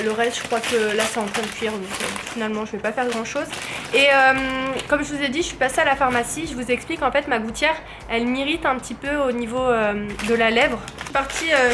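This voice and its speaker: In a casual vlog, a woman speaks to the camera and explains things, hesitating a lot along the way. Her voice sits high and is a bit bright, with faint noise in the background.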